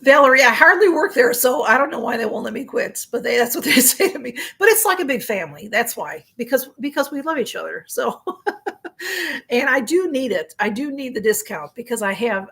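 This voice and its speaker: This livestream host, a woman in her sixties, has a husky, slightly bright voice on the high side with a sing-song lilt, and she talks fairly quickly. She reads viewers' comments out loud while chatting casually, rambling with many fillers and frequent laughter.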